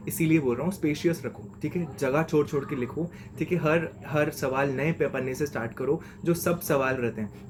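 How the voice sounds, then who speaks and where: A man's voice: on the high side, noisy background. A young man giving a chatty, slangy lesson of exam tips as a mentor. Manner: chatty and slangy, keeps saying "okay?".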